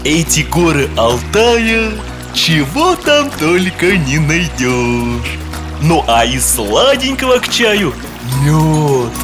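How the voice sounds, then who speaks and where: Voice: mid-range voice, big pitch swings, slow, music in the background. An actor playing a kindly, caring chef who loves food, speaking affectionately in a children's audio story. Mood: fond, dreamy.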